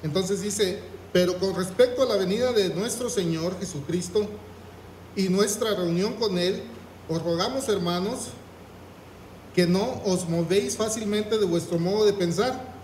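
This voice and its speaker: A man's voice: high-pitched, unhurried, darkish tone, echoey room, a little hiss or hum, low-quality recording. A man preaching a sermon, reading scripture aloud and asking the congregation questions. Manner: reads scripture aloud, asks the congregation "¿qué?".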